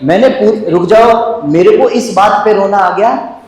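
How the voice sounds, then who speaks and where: A man teaching a class in a lively, joking way, firing questions at the students and answering them himself. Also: sits high, measured pace, reverberant, low-quality recording.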